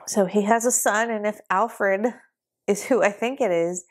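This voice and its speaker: A tearful, upset woman hosts a casual reaction vlog, talking to her viewers through the camera. She speaks slowly and haltingly, trailing off mid-sentence and sighing between thoughts. Her pitch sits in the middle. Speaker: reaction video host.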